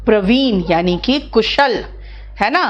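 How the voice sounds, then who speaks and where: High-pitched woman, middle-aged, teacher, patient explaining voice. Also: lively intonation, slow, dull audio. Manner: talks to her students as "beta", coaxing and explaining step by step. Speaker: English teacher. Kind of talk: online class explaining vocabulary.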